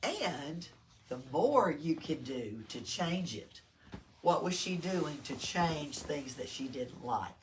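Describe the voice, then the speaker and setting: Reading a story to young children at a small-town library, an older woman uses a low-pitched voice, very animated yet slow. She keeps explanations simple and prompts the kids with questions. Background noise is audible through the distant mic.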